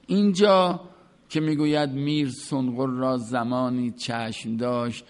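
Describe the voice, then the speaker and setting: A man giving an explanatory lecture on a poem, reciting verses slowly and then explaining each word in casual speech. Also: mid-range voice, fairly even intonation. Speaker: teacher of classical poetry.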